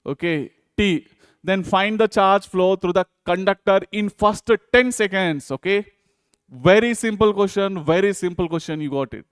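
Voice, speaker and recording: Speaking at a normal speed in a high-pitched, clean voice, an Indian-accented physics teacher walks through exam problems one step at a time. He keeps asking students the same check-in questions, and the recording is dry.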